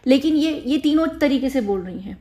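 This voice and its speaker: A woman talking to her viewers in casual spoken commentary, explaining her points chattily, often restarting her sentences and checking in with a quick "okay". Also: high voice, animated, mellow. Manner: frequent self-corrections and restarts. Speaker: video commentator.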